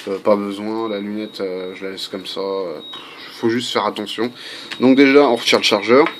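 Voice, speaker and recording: A man's voice: on the low side, fairly even intonation, normal speed. A man giving a casual how-to video at home, chatty and full of fillers, with faint construction noise behind him. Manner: chatty, many fillers and asides. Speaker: airgun hobbyist demonstrating a part swap.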